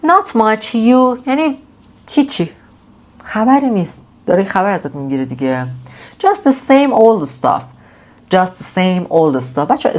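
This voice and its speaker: A woman with a Persian accent teaching English phrases in a casual lesson, repeating each model phrase slowly and clearly. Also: sits low, darkish tone.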